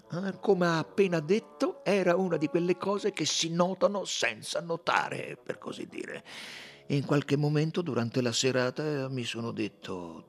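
A man reading an audiobook, voicing a stiff, gruff older British army colonel who talks in clipped, grumbling, hesitant phrases. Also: fairly high pitch, fairly bright tone, voice pushed up, full character voice.

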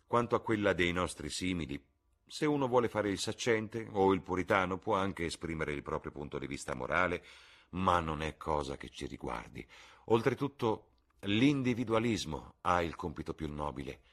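A man with a very deep, husky voice reading a witty, cynical aristocrat who speaks in ironic epigrams. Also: expressive, normal speed, fairly bright tone, exaggerated voice.

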